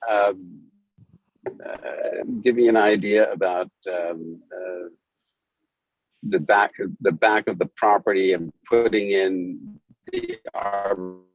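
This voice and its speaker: A man's voice: sits low, fairly even intonation, no echo, lo-fi sound. A man on the planning commission speaking hesitantly over a remote call connection, his voice breaking up. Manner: hesitant, halting, many fillers. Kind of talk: public meeting remarks. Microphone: remote call audio.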